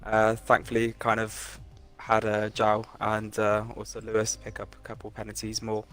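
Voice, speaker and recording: Flat, low man driver. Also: normal speed. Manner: modest, laughing, casual. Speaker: racing driver guest. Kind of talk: post-race interview answer.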